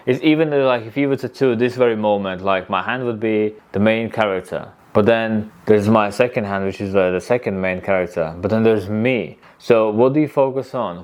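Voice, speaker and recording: Man, tattoo teacher, low-pitched, rambling casual explanation. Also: a little mellow. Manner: rambling, restarts often, acts out client talk. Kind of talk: casual spoken lesson.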